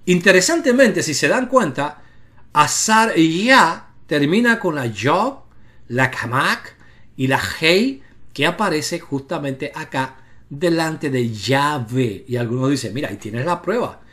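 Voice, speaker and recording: A man's voice: on the high side, animated, unhurried, sharp tone. A man teaches a Bible lesson. He goes through Hebrew letters and names one at a time, steering his viewers' attention to each one. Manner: explains step by step, points at on-screen letters. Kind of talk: lecture on Hebrew grammar.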